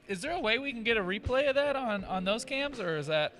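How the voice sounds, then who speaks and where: Goofy commentator guy joking with chat, lively voice, music behind. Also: extremely high pitch, fast. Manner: jokey, reads chat aloud. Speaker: drone race co-commentator. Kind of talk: live race commentary, joking banter.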